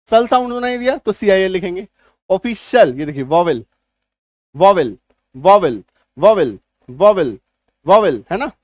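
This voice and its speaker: A male teacher giving an online spelling lesson, who explains slowly, spells words out letter by letter and keeps checking in with his listeners. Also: high voice, no room sound, studio quality. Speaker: English teacher.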